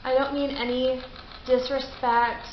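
A middle-aged woman chats casually as a vlog host in a fairly high voice. She is indoors in a garage, and the sound is roomy and slightly dull, with faint noise behind her. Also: flat delivery, measured pace. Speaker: video host.

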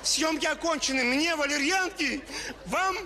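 A man's voice: extremely high pitch, measured pace, heavy background noise. A man performing a stand-up monologue as an exasperated film director, barking orders at actors in a bossy way, recorded live on stage with an audience laughing. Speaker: stand-up comedian.

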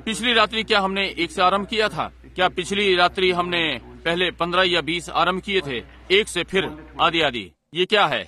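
Earnest high-voiced male preacher. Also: moderate pace, few pauses, sharp tone. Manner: earnest, repetitive preaching with asides to the congregation. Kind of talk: Hindi sermon and prayer.

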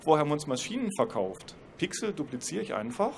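A man's voice: on the high side, very animated, quick pace, creaky, a little hiss or hum. A man speaking as a professor on a panel, explaining at length with dry ironic asides on a trade fair stage. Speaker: university professor. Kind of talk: panel discussion. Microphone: handheld mic.

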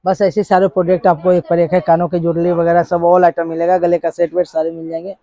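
Salesman rattling off prices, flat and dark. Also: on the high side, no room sound, lo-fi sound. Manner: brisk, repetitive price-listing salesman patter. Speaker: wholesale shopkeeper. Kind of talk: sales pitch to a vlogger. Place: crowded cosmetics shop, indoors.

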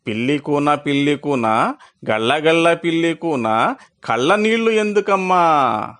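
A cheerful, helpful puppy, played by a man, chants its advice in slow rhyming sing-song. The voice is somewhat high and gentle, like a storybook friend. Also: animated. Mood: coaxing.

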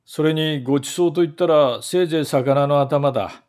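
A man's voice: very animated, a little slow, darkish tone. A man voicing a sly, ungrateful little male mouse who talks down to others and wails shrilly when wronged. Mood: grumbling. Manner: smug and condescending, turning to shrill wailing.

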